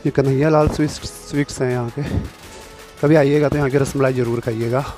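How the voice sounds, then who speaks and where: He talks fast and steadily, his mid-range voice a little dark and his throat a little sore. The young man, from Uttarakhand, India, is vlogging a walking tour of outdoor market streets for viewers, shot on a phone camera with background music.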